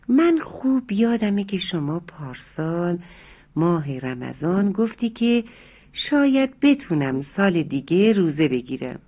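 A narrator voicing a sweet, obedient little girl in a children's story, asking polite, wondering questions. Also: medium pitch. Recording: narrow phone-like sound, faint music.

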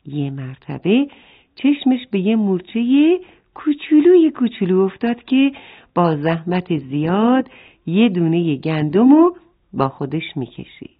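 A woman telling a children's story over a phone-like line. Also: lowish voice. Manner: expressive, speaks directly to the children. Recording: phone-like narrow band.

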